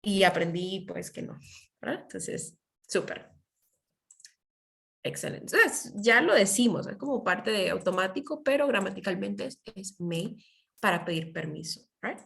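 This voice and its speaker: A woman's voice: mid-range voice, expressive, a little slow, gravelly, fairly bright tone. Patient woman teaching online. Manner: patient, explains with everyday examples and checks in with students. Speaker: English teacher. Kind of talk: online class, switching between English and Spanish. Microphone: computer mic on a video call.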